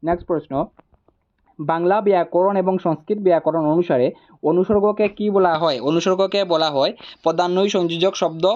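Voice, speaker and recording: A man tutor walking through exam answers, repeating each option deliberately. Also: high voice, steady tone, a little mellow, highs cut off.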